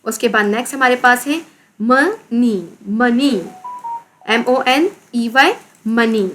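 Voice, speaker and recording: A woman's voice: a little high, slow pace, fairly bright tone, a little hiss or hum. A woman teacher with a Pakistani accent explaining an English lesson in Urdu, repeating words and spelling them out letter by letter.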